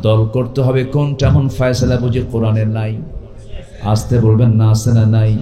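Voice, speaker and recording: Fervent Bangladeshi preacher, echoing sermon. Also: male voice, flat delivery, moderate pace, highs cut off. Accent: Bangladeshi Bengali. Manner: calls on the crowd to answer loudly, sudden high shouted climaxes. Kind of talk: Bangla waz sermon with sung Quran recitation.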